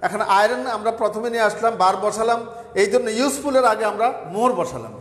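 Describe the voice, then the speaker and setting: A man with a Bangladeshi accent teaches grammar in a high, lifted voice, walking through each rule step by step and posing questions he answers himself. His voice rings around a reverberant room with a long, lingering echo. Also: fast talker. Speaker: English teacher. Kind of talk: classroom grammar lesson.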